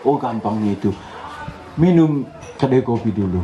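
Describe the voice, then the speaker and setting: A male preacher voicing a sly devil who coaxes people to put things off, in a lower, softer, persuasive tone. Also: lively intonation, moderate pace, natural voice. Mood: coaxing. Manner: lazy, smooth-talking persuasion to put things off. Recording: roomy, slightly dull hall recording.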